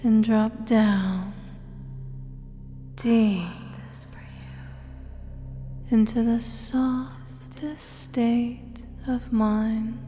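A woman speaking as a hypnotist in a guided hypnosis recording, slow and soothing, slipping often into soft whispers. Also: on the high side, flat delivery. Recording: long reverb with faint music behind.

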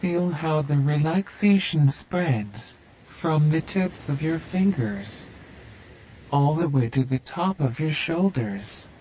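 A man guiding a listener through a hypnosis induction with slow, soothing, repetitive suggestions. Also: on the high side, animated, mellow, lo-fi sound, slight background noise.

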